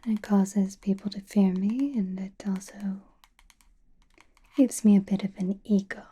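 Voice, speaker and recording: A woman playing a confident, mysterious witch and fortune teller in an ASMR roleplay, whispering breathily in a slow, soothing way with musing pauses. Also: medium pitch, fairly even intonation, warm tone, husky. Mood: calm, mysterious.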